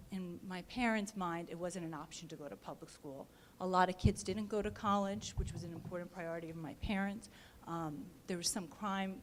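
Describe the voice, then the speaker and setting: A woman's voice: lowish voice, slight background noise. A woman in her thirties speaking as a school board candidate at a public meeting, earnest and passionate, often saying "um" and "quite frankly". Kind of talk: candidate interview statement.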